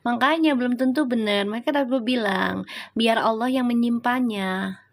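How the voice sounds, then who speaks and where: A woman hosts a casual live stream and answers her viewers' comments. Her voice sits fairly high. She lectures and scolds with a stream of rhetorical questions. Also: moderate pace.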